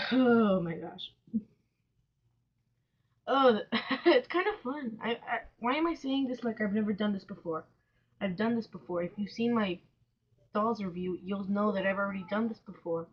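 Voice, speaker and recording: A woman giving casual, self-mocking commentary while she does a craft project, groaning dramatically now and then. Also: mid-range voice. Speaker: vlogger. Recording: dull, lo-fi home recording.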